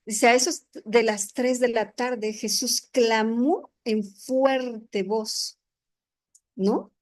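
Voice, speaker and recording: A church leader with a somewhat high voice delivers a sermon-style testimony, speaking earnestly, drawing out words, and repeatedly checking in with tag questions. She uses a microphone at an indoor gathering.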